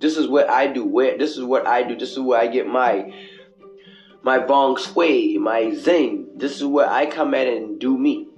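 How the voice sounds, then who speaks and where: A man's voice: mid-range voice, unhurried, a little mellow, faint music behind. Man preaching motivation in an echoing bathroom. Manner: preachy, repetitive phrasing with street slang and swearing. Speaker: radio show host. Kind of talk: motivational casual monologue to listeners. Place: small indoor bathroom. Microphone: cell phone with headphones. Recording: echoing bathroom, band-limited cell phone headset.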